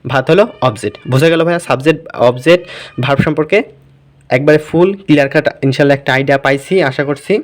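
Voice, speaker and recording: A man's voice: a little high, fast talker. A man teaching English grammar in a casual classroom style, asking questions and answering them himself. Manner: talkative, asks and answers his own questions. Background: noisy surroundings.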